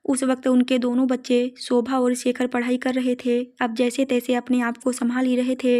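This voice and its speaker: A woman narrating a moral story in an even, scripted reading. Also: sits high, normal speed.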